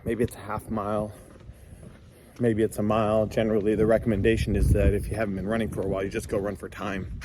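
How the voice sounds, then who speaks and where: A man's voice: lowish voice, flat delivery, fast talker. A man giving casual, encouraging motivational advice in a conversational way. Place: outdoors after a run. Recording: faint outdoor ambience and vehicle noise.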